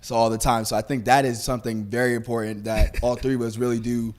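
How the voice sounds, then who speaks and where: Man, mid pitch, earnest, encouraging, coach on a podcast, casual chat. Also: little pitch movement, fast talker, a little mellow. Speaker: podcast co-host, coach and former football player.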